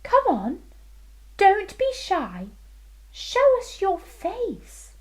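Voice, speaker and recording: A woman's voice: very high-pitched, wildly swooping pitch, drawn-out words, pitched above the performer's own voice, heavily acted. A woman voicing a friendly, giggly queen in a children's story. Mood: coaxing.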